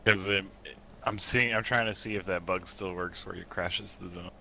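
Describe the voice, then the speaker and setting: Male gamer, deep but forward, sharp tone, casual in-game chatter, noisy line. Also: steady tone, normal speed. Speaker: co-player in an online game. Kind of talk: casual gaming chat. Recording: clear background noise.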